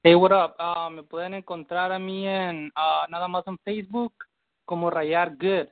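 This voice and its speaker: A man's voice: high voice, steady tone, unhurried, no room sound. A man freestyling boastful battle-rap insults over the phone, dropping in English phrases. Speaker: battle rapper. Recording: tinny dry phone line.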